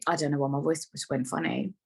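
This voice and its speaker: A woman's voice: low voice, lively intonation, normal speed, a little mellow, slightly rough, rough recording. A woman, hosting a casual solo podcast and chatting in a rambling way, full of asides to her listeners. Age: 20s. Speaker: podcast host.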